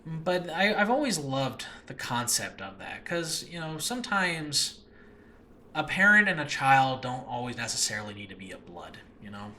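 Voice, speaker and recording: Very animated yet at a normal speed, a man with a bright, forceful, medium-pitched voice hosts an unscripted podcast about the audio drama he created. The recording is noisy and makeshift, done in a room of his new home, and his talk is casual, rambling, earnest, and self-deprecating.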